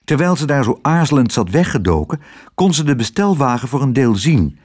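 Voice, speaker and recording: A man reads a children's storybook aloud with lively, animated intonation, his pitch leaping up and down. His voice has a slightly husky, breathy texture. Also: fairly quick. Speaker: narrator.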